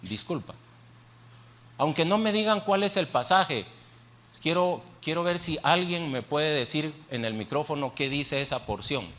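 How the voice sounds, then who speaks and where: A man's voice: on the high side, lively intonation, measured pace, fairly bright tone. A male pastor preaching a sermon in a church, talking conversationally, putting questions to the congregation and repeating phrases for emphasis. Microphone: handheld microphone.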